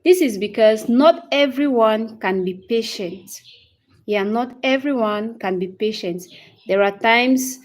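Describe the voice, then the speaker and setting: A woman's voice: a little high, unhurried. A woman in her thirties with a Cameroonian English accent, hosting a casual live English lesson, greeting viewers by name and answering their comments one by one. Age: 30s. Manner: repeats phrases, checks in with "okay?". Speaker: English teacher hosting a livestream. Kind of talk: casual livestream chat.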